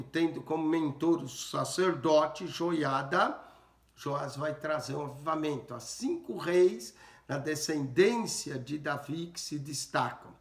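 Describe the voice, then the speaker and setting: A man, a pastor teaching through a Bible passage, explaining and repeating phrases and often tagging on short questions. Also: on the high side. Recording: roomy echo.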